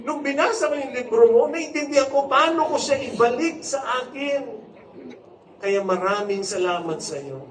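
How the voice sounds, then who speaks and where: High-voiced man speaking on stage, echoey hall. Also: lively intonation, normal speed, fairly bright tone, distant mic, a little hiss or hum. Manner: playful, acts out quotes, shifts from jokes to earnest. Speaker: motivational speaker and author. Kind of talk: inspirational stage talk with humor. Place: large hall before a live audience.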